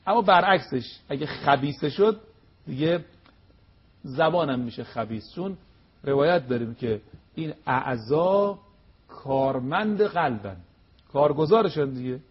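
A male cleric delivers a preaching talk on a TV program. His voice sits a little high and is husky. He drives home each point with emphasis and rhetorical questions, and the sound is dull and lo-fi. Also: lively intonation. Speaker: cleric guest on religious TV program.

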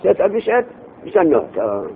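A man teaching a classroom lesson, explaining terms over and over and quizzing his students. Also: creaky. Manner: lively, repeats terms, asks students questions. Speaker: teacher of Arabic morphology. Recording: tinny phone-like recording with faint rumble.

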